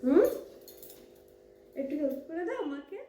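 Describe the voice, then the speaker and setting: A woman's voice: high voice, very animated, unhurried, dark tone. A woman, a mother, casually coaxing and teasing her daughter to get up, repeating her urgings again and again. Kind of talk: casual home talk to a child. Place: home bedroom, indoors. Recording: echoey room, voice from far off, faint noise.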